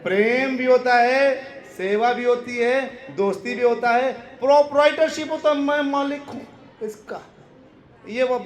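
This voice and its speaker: A man with a notably high voice delivers a devotional talk to a live audience. He keeps stopping to quiz his listeners and laughs easily as he teaches. His voice rings around an echoey hall. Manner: quizzes the audience and laughs often while teaching. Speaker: spiritual preacher.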